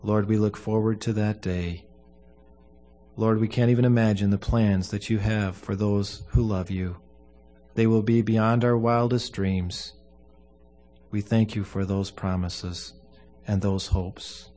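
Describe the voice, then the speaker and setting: Mellow low guy pastor doing a solemn funeral prayer, pauses between phrases, earnest. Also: fairly even intonation. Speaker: pastor leading a funeral service.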